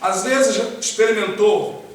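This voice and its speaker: A man's voice: high-pitched, measured pace. Guy preaching, quizzes his church, faint hiss, distant mic. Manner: conversational preaching, quizzing the congregation. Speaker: pastor. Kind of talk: sermon. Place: church hall with congregation. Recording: very echoey hall, voice far off, faint hiss.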